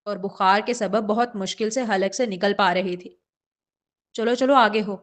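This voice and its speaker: A woman reading a romance novel aloud as audiobook narration, steady and smooth. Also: mid-range voice. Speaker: novel reader.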